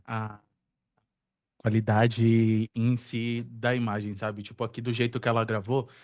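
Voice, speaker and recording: A man's voice: mid-range voice, level tone, measured pace, darkish tone. A man with a Brazilian accent working as a video editor, talking hesitantly with lots of fillers and a defensive tone. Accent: Brazilian Portuguese. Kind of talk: casual work conversation.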